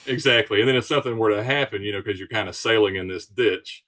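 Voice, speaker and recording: A man's voice: lowish voice, quick pace, a bit bright. A man chatting casually as a guest, explaining things in an informal, easygoing way. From Alabama Gulf Coast, United States. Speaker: podcast guest, charter sailboat captain.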